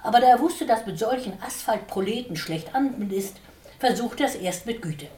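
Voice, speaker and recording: Woman reading stories aloud with lively expression. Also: a little high, moderate pace. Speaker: reader. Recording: roomy, distant mic.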